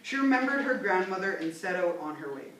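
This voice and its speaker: A woman narrating a fairy tale aloud in an expressive storytelling manner. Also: lowish voice, fairly quick. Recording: echoey room, mic far off, faint hiss.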